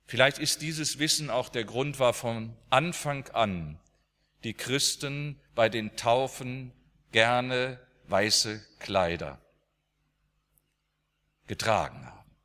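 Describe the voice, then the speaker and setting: Man preaching slow and dramatic, bright forceful voice, big church reverb. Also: medium pitch, expressive. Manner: dramatic storytelling with emphatic swings. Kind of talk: sermon.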